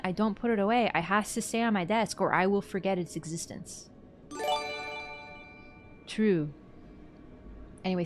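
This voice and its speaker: A young woman from Canada chatting on a live stream, rambling, giggly and quick to apologize. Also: mid-range voice. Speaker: livestreamer. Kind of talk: casual live-stream chat.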